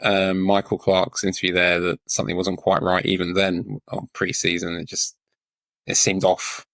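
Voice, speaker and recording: A man co-hosts a podcast in relaxed banter. His voice sits low. The sound is dry and close. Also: moderate pace, gravelly, no room sound. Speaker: podcast co-host.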